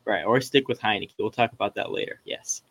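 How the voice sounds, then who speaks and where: A man's voice: on the low side, fairly quick, vocal fry, fairly bright tone, husky. A man co-hosting a podcast, talking sports in a casual, conversational way. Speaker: podcast co-host.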